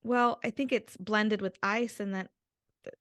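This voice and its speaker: A woman's voice: mid-range voice, steady tone, measured pace, a bit bright, no echo, studio quality. A young adult woman co-hosting a podcast with her mother, chatting casually and laughing often over a video call. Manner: giggly, chatty. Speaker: podcast co-host. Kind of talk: casual chat.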